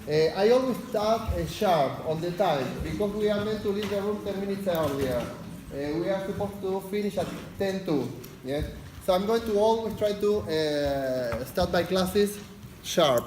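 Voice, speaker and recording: A male Argentine university lecturer and unit leader introduces a lecture in a high, animated voice, talking fast with Argentine Spanish accent. He peppers his speech with "uh" and keeps checking in with "yes?" The echoey hall carries faint background noise.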